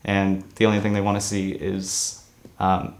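A seventeen-year-old young man born in Korea, answering interview questions earnestly with frequent "um" pauses, in a studio. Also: low-pitched, completely flat delivery. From born in Korea, raised in New Jersey. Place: studio against grey backdrop.

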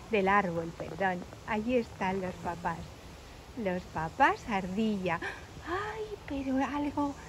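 Woman, children's toy storyteller, high voice, slow gentle delivery. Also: slight background noise, rough recording. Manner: gentle, addresses children directly.

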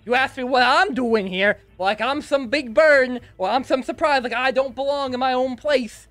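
A man's voice: very high voice, voice pushed up. A man voicing an easily offended male skeleton in a red robe, speaking with a Boston accent and firing off indignant questions. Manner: indignant, loud, rapid-fire questions.

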